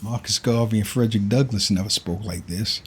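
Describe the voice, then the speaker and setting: A man's voice: fairly low pitch, a little fast, a little hiss or hum. A man hosting a reaction commentary, speaking in a critical, preachy way and firing off rhetorical questions.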